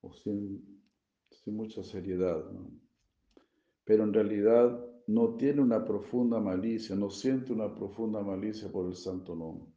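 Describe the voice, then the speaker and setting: Male swami lecturing scripture, low gravelly voice, gentle explainer who keeps checking in; dull echoey room recording. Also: a little slow. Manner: explains gently with frequent tag questions, chuckles at own jokes. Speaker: swami giving a scripture class. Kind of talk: sermon.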